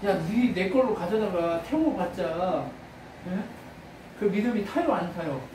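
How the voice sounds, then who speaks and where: A pastor preaching a sermon, firing questions at the congregation and bursting into loud exhortations. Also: mid-range voice, lively intonation, unhurried, noisy background. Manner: fires rhetorical questions at the congregation. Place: church sanctuary. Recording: roomy distant mic.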